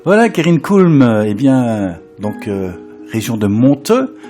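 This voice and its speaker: Lively male radio host, mellow voice. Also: mid-range voice, faint music behind. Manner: hesitant, drawn-out questions, echoes answers. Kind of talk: conversational radio interview.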